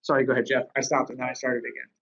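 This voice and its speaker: A man speaking in a relaxed conversational discussion, thinking aloud with many fillers and restarts. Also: medium pitch, racing, husky, lo-fi sound. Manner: thoughtful, with frequent fillers and restarts. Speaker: guest speaker on DevOps.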